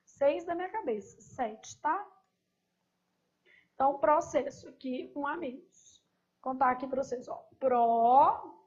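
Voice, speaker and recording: Woman teacher going over test answers, high voice, keeps asking "ok?", kinda muffled recording. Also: unhurried, pauses often. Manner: explains step by step, checks in with tag questions. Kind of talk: recorded exam review lesson.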